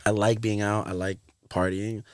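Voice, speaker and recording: Casual New York man, animated raconteur, dead-dry close mic. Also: lowish voice, normal speed, dry recording. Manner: animated storyteller, acts out his own lines and others'. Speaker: podcast guest, DJ and producer. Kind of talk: casual chat.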